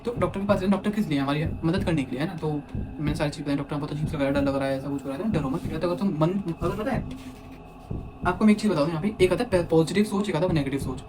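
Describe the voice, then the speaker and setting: A young man casually telling a personal story as a vlogger, animated and acting out what others said. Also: a little high, rapid-fire, noisy background. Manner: animated, quotes others in acted asides. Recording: music playing underneath.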